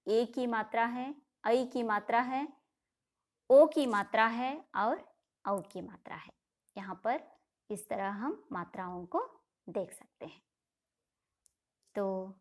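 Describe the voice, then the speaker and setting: A woman teacher gives a grammar lesson to children in an unhurried, measured way. Her voice sits a little high, and she poses questions to the class, then answers them herself. She stretches out each example word so the children can follow.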